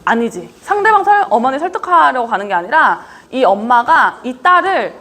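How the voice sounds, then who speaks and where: A woman's voice: sits high, normal speed. A woman lecturer giving a leadership training talk, casually quizzing her audience again and again. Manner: lively, quizzes the audience often; casual, talks down-to-earth with students.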